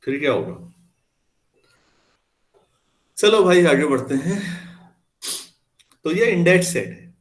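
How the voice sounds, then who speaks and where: A man's voice: fairly high pitch, very animated, takes it slowly, pauses often, roomy sound. A man teaching a class in a conversational way, often asking his students questions. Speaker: math teacher. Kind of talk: classroom lecture.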